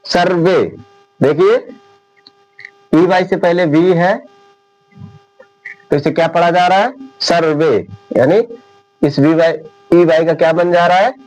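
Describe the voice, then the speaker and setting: Slow, deliberate male teacher. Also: high-pitched, fairly even intonation, a little mellow, rough recording. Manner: slow, deliberate, repeating points. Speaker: English teacher. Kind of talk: classroom lecture.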